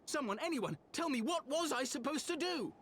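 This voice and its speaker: Desperate game noble, high, swooping anguished pleas. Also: female voice, lively intonation, normal speed, slight background noise. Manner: pleading, emotional, cries out. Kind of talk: video game voice acting.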